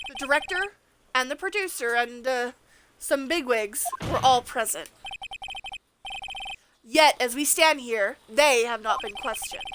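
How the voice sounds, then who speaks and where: A woman's voice: high-pitched, background noise. A woman voicing an earnest young male lawyer in a courtroom video game, formal and determined.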